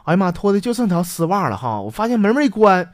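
Lively Northeastern Chinese man telling jokes. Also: sits high, fast, no echo, studio quality. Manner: lively, jokey, switches into character voices. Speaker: comedy show host. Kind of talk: comic storytelling, reading listener messages.

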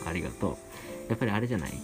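A man's voice: lowish voice, lively intonation, very fast, creaky. A man co-hosting a casual late-night podcast chat, playful and teasing. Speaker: radio show co-host, theater actor. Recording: music playing behind the talk.

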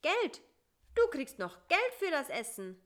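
A woman voicing a bossy, sharp-tongued little male fly in a read-aloud children's story, talking in a quick, shrill, scolding way. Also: very animated. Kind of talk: storybook reading.

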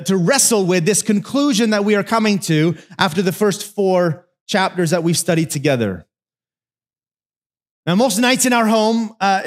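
Pastor, male, fairly high voice, relaxed sermon delivery with jokey asides. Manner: conversational storytelling, joking asides.

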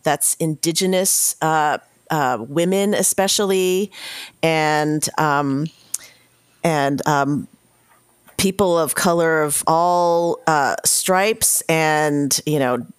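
A woman's voice: low-pitched, slow pace, smooth, no echo. A woman guest on a podcast, answering reflectively with many fillers and restarts. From Washington State, US.

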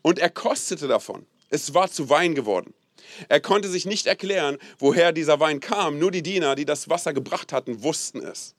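Young male pastor, casual animated sermon, slightly high voice, dry close sound. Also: moderate pace, no room sound. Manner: casual, animated, peppered with "hey" and "so, ne?"; has the audience repeat phrases aloud. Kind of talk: lively sermon.

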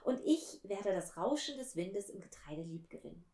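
A woman's voice: mid-range voice, lively intonation, moderate pace, dark tone, close to an everyday voice. Wise wistful fox, as a woman reads him aloud. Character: wise gentle male fox, longing for friendship. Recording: roomy echo.

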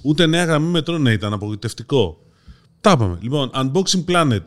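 A Greek man hosts a podcast, working through listener comments one after another. He reads them aloud in an easy, mid-pitched voice and tosses in dry, wry remarks of his own. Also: very animated. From Greece. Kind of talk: casual chat.

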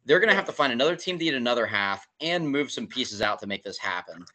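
A man co-hosting a casual hockey podcast, animated and profane as he reads through statistics. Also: medium pitch, fast talker. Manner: animated, swears, rattles off statistics. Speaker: podcast co-host. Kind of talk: casual sports talk.

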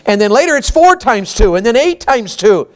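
A man's voice: extremely high pitch, sing-song, moderate pace. A man, preaching a folksy sermon and often asking the congregation questions. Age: 50s.

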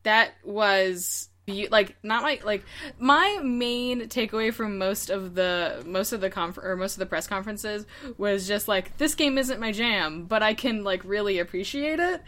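A woman's voice: medium pitch, unhurried, fairly bright tone. A woman co-hosting a casual chat, rambling and searching for words, laughing often. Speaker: podcast co-host. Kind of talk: casual chat about games.

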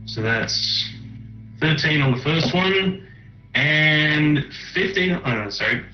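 A man's voice: a little high, animated, takes it slowly. A man chatting casually and wryly as a player in a tabletop game. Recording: roomy echo, slightly dull lo-fi. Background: music.

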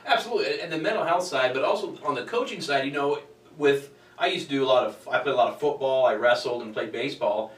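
A man's voice: medium pitch, quick pace, recorded from a distance. Chatty man in his forties, echoey room. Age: 40s. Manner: chatty, rambling, full of "you know". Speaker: interviewer, host. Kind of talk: conversational interview.

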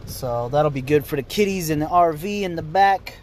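Rambling man, higher-pitched, over vehicle noise. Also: normal speed, a little mellow. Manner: rambling, thinking aloud, mild swearing. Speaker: road-trip vlogger. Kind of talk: casual solo driving vlog. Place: inside a vehicle on the road. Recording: noisy vehicle interior. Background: road and vehicle noise.

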